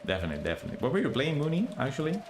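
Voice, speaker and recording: A young Italian man, not a native English speaker, chats casually in a thick accent while streaming a game. He speaks haltingly, stopping and restarting as he hunts for words, in a fairly high voice with huge swings in pitch. The background is noisy.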